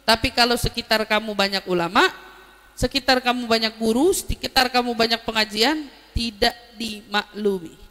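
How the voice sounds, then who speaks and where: A woman giving a lively religious lesson, explaining Arabic terms and telling anecdotes. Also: fairly high pitch, long reverb tail. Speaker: Islamic religious teacher.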